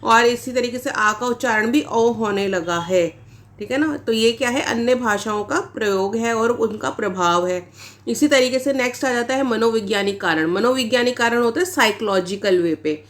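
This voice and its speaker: Woman, teacher, fairly high voice, explanatory exam-prep lecture, rhetorical questions. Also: normal speed. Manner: explanatory, repeats points and asks rhetorical questions. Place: online class recording.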